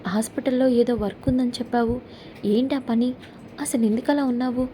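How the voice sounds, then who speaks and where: A woman's voice: fairly high pitch, fairly even intonation, fairly quick, dark tone, a little hiss or hum, close to an everyday voice. A woman voicing a concerned, caring young man in a serial recap, asking earnest, probing questions.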